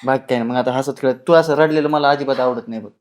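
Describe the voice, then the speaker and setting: An actor playing a mild, devoted young husband and son who speaks softly and reassuringly. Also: male voice, medium pitch, steady tone, quick pace, natural voice. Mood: soothing. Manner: soft, soothing.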